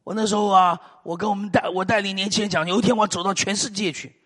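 Middle-aged preacher, man, high and husky, long hall reverb. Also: fast. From Taiwan. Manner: animated storytelling with frequent hallelujahs and amens. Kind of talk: sermon.

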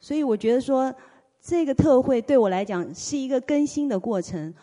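A woman's voice: high-pitched, animated, moderate pace, mellow, big-room sound. A woman giving an emotional, earnest spoken testimony in a church, her voice rising and falling with feeling. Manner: emotional, earnest, reenacts her own cries.

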